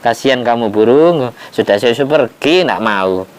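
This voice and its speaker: A man's voice: mid-range voice, expressive, moderate pace. A man, preaching and explaining scripture commentary in a folksy, teasing way, repeating phrases for emphasis. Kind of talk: sermon, explaining Quran commentary.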